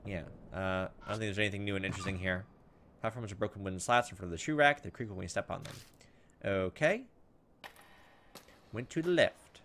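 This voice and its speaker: A let's play host with a fairly low voice talks briskly and pauses often, reading the game's text aloud and tossing in informal, muttered asides. Steady background noise sits under his voice.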